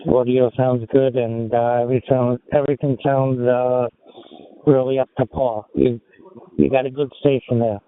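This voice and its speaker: A man's voice: medium pitch, flat delivery, normal speed. Man on a tinny radio link. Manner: friendly, hesitant with fillers. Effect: heard over a radio link. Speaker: amateur radio operator. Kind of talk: ham radio contact. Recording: tinny narrow radio audio.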